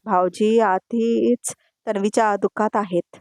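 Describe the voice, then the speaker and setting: A woman's voice: mid-range voice, steady tone, slow, darkish tone, dry recording. Brief: woman reading an accusing, scolding wife, plain read, dry sound.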